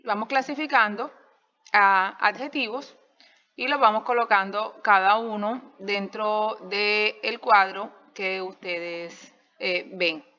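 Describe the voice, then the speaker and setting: A woman with a bright, clear voice pitched a little high explains grammar in a recorded slideshow lesson. She talks patiently, checks understanding with quick questions and corrects herself as she goes. The sound is dull and carries a long reverb tail. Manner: self-correcting, stretches out example sentences. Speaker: English teacher.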